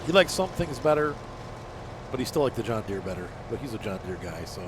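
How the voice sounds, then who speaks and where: A man's voice: medium pitch, very animated, brisk. A man with a badly plugged nose, sick with allergies, giving casual, folksy, rambling commentary as a gaming channel host. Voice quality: congested, stuffed-up nose. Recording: noticeable noise behind the voice.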